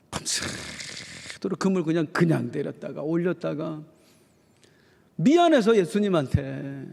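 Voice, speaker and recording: High gravelly pastor in a reverberant hall. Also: male voice. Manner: folksy, animated storytelling with acted quotes. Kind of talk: sermon. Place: church sanctuary. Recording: long church hall reverb.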